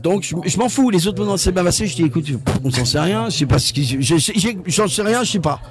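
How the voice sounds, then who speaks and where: Guest storyteller: man, somewhat high voice, animated, acts out every line he quotes, recorded on a live event stage. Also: quick pace, a crowd in the background. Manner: animated, acts out other people's lines, repeats words. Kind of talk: lively storytelling anecdote.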